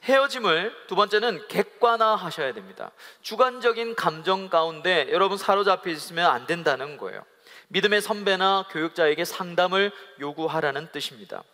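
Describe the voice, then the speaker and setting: A male pastor with a high, ringing voice gives a lively sermon. He mixes humor and playful acting-out of couples' quarrels, and leads the congregation in call-and-response. His voice carries through the long reverb of a large worship hall. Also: a little fast. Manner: humorous, acts out quoted couple dialogue.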